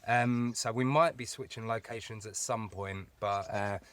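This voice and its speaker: A man's voice: fairly low pitch, fairly even intonation, unhurried, fairly bright tone, dry recording. A man hosting a podcast interview outdoors in the countryside, chatty and upbeat, laughing often. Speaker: podcast host. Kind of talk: casual chat.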